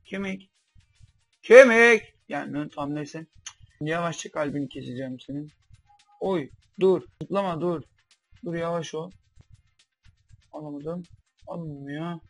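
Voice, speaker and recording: A young man giving comedic commentary over a game, bantering in a mock-doctor way with sudden loud outbursts. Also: a little high, a little slow, pauses often, no echo, faint music behind. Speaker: gameplay commentator.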